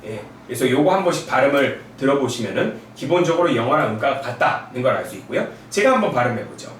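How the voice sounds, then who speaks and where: A middle-aged male professor giving a recorded lecture. He is relaxed and chatty, adds asides, and demonstrates sounds by sliding his voice up and down. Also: fast, a little hiss or hum. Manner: demonstrates sounds with sung pitch glides. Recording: echoey room from a distance.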